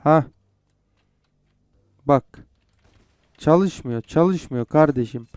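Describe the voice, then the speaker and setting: A man's voice: a little high, extremely slow, a little mellow, no room sound. A young man playing a game and commenting, frustrated and swearing as he goes. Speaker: gamer. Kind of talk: gameplay commentary.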